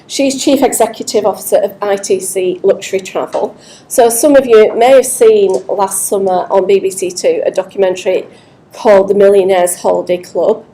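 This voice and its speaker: A woman's voice: medium pitch, fairly even intonation, normal speed, dark tone, low-quality recording. A woman hosting a networking event, introducing the guest speaker in an upbeat, grateful way. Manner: upbeat, grateful, lots of big thank-yous. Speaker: event host and interviewer.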